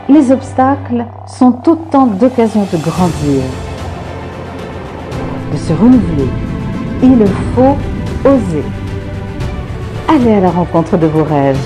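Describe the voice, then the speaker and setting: A woman reads an inspirational voice-over, solemn and measured. She speaks very slowly, and her lowish voice rises and falls expressively. Clear music plays behind her. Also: expressive. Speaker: narrator.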